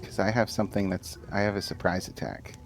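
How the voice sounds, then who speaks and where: A man's voice: lowish voice, fairly even intonation, fairly quick, faint music behind. A man playing in a tabletop game, joking with the others. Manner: joking banter. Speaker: player.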